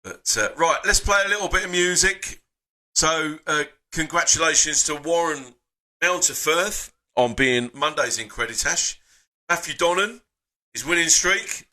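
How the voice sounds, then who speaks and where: Male live-stream host, very bright tone, chatty and full of fillers and sighs. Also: fairly high pitch, a little slow. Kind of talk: casual live-stream chat reading viewer comments.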